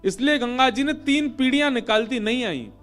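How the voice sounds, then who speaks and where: A man telling a devotional religious story as a sermon, with expressive, swelling emphasis. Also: very high voice, normal speed, faint music behind.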